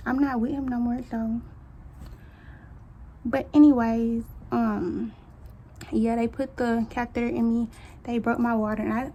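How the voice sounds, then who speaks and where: A woman in her late teens telling a casual storytime to camera at home, chatty and candid, talking straight to her viewers with quick colloquial asides. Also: mid-range voice, darkish tone, a little hiss or hum, poor audio. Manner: chatty, addresses viewers as y'all. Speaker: vlogger. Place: at home, baby nearby.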